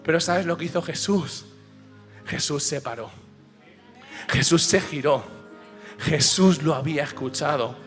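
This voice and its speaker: A male pastor preaching a passionate sermon in a church, swinging from hushed lines to shouts. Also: a little high, unhurried, pauses often. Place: church auditorium. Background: soft piano.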